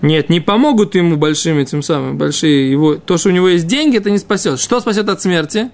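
A man's voice: on the high side, fast. A man teaching an informal religious text class, reading and explaining in fragments with frequent checking questions.

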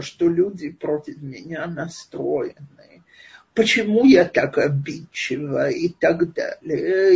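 A woman's voice: on the low side, a little mellow, husky, lo-fi sound. A woman giving an online lecture and answering questions in a thoughtful, hesitant way, recorded over a video call.

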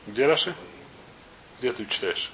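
A man's voice: mid-range voice, animated, pushed and bright, low-quality recording. Man teaching, with audible hiss behind. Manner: halting, searching for words, questioning himself. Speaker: teacher of a Talmud class. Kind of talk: informal lesson, reading a text aloud then translating and explaining. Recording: clear background hiss and noise.

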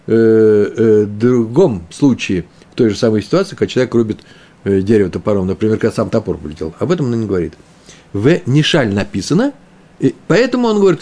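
Man, Talmud teacher, lively rising and falling pitch, thinks aloud, slows on terms. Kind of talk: explaining a text aloud.

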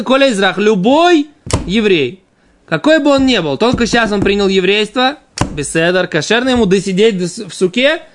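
With slight background noise, a man whose voice is high teaches an informal lesson on a religious text as a Talmud teacher. His method is to ask his own questions and answer them.

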